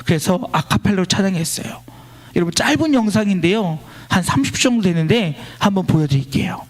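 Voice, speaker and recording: A male pastor preaching at a church service, leading a line-by-line scripture reading and swinging between loud exclamations and quiet storytelling. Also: high voice, expressive, brisk, a little hiss or hum. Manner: exclaims praise lines loudly, then drops to quiet storytelling. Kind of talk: sermon.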